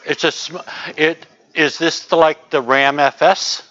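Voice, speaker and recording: A man's voice: a little high, fairly even intonation, unhurried, fairly bright tone, dull audio. A man in the audience asking casual, hesitant questions and often restarting his sentences. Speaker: audience member.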